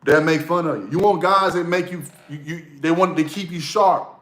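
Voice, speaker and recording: Brief: man, fairly high voice, casual motivational vlogger, blunt and profane, echoey room. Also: moderate pace, a bit bright. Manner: blunt, profane, repeats key lines for emphasis.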